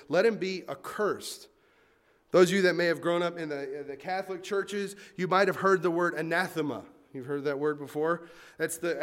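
A man as a pastor preaching a sermon in a lively, conversational way, with asides to the congregation. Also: high-pitched.

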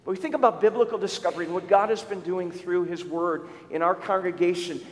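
A man's voice: high voice, fast talker. A male pastor giving a conversational sermon with church updates, often restarting and repeating words. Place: church sanctuary. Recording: long church reverb.

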